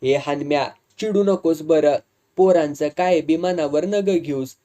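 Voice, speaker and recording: A man voicing a calm, curious village elder who soothes others and asks questions. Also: on the high side, a little slow, lightly acted. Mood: soothing.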